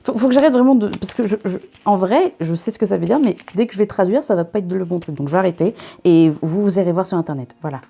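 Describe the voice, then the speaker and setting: Young woman from northern france, gravelly low-ish mellow voice, chatty and jokey, faint music behind. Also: quick pace. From northern France near the Belgian border. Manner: chatty, self-interrupting, jokey asides. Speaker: vlogger reviewing a subscription box. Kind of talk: casual unboxing chat.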